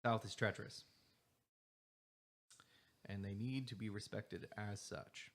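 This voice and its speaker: A man voicing a gruff, stern older male war leader making a formal, measured speech. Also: on the low side, fairly even intonation.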